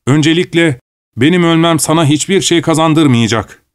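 A man narrating a story voices a calm, steadfast older male missionary who speaks earnestly and prays aloud. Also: on the high side, normal speed, clear, resonant tone, pitched above the performer's own voice, lightly acted. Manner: earnest, pleading.

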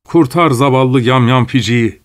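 A man narrating a story voices a calm, steadfast older male missionary who speaks earnestly and prays aloud. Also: mid-range voice, measured pace, close to an everyday voice. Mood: praying. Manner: earnest, pleading.

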